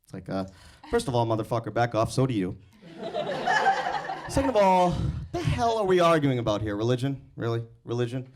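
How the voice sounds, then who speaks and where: A man's voice: mid-range voice, wildly swooping pitch. A young man from India doing stand-up comedy and teasing the crowd on a club stage with a handheld mic. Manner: brash, teasing, quick crowd banter. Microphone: handheld microphone.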